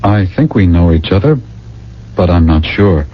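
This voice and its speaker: In a 1980 radio drama, a man with a low, expressive voice plays a dazed, subdued character who speaks hesitantly at a moderate pace. The mood is troubled and bewildered, and the dull old radio recording carries a faint hum.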